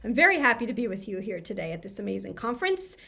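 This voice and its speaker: An American woman giving a recorded conference talk, friendly and quick-talking, her voice scratchy from a cold. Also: mid-range voice, very animated, vocal fry, fairly bright tone, slightly rough, highs cut off. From USA. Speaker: conference speaker. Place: home room lined with books.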